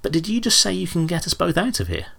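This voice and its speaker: A nervous young postie with a voice pitched well above his narrator's own, stammering and apologetic, as a man puts him on. He sounds timid and polite in this storybook reading, with a husky edge underneath. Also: big pitch swings, quick pace, pushed and bright, heavily acted. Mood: anxious.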